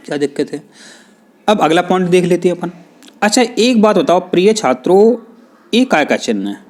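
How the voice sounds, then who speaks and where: A man. He keeps asking his students questions and then answers them himself, going back over each point in an unhurried classroom manner. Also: fairly high pitch, darkish tone. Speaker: teacher. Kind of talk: classroom explanation.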